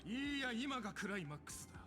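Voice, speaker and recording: A male actor playing a domineering film director villain in a game, with slow, theatrical, commanding menace. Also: very high voice, very animated, over music. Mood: commanding, menacing. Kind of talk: Japanese game voice acting.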